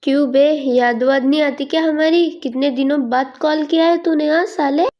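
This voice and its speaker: A woman's voice: sits high, steady tone, normal speed, warm tone, lightly acted. Woman voicing a rowdy, slangy young man. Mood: rowdy banter. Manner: brash, slangy, mock-insulting. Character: rowdy young man, teasing best friend.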